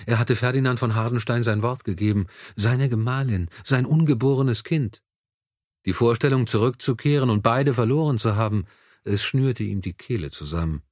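A man reading a historical novel aloud in a measured, dramatic narration. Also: medium pitch, dry recording, clean studio sound. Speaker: audiobook narrator. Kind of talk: scripted narration.

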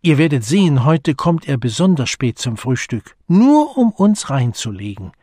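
A man's voice: on the high side, sing-song, moderate pace, warm tone, dry recording, clean studio sound, pitched above the performer's own voice. A man voicing a clever, self-assured young woman in a story, with eager emphasis.

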